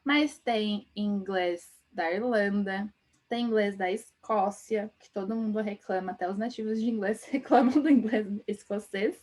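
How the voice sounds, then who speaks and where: A young Brazilian woman with an interior São Paulo Portuguese accent teaches English in a chatty live-stream lesson. Her mid-range voice is unhurried and a little mellow, and she laughs often and ends lines with tag questions.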